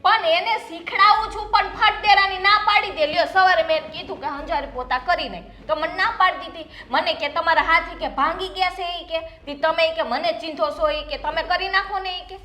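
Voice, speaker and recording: An actress playing a quarrelsome elder daughter-in-law who argues and scolds. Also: female voice, very high voice, normal speed, few pauses, pushed and bright, reverberant. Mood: complaining. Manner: argumentative, scolding.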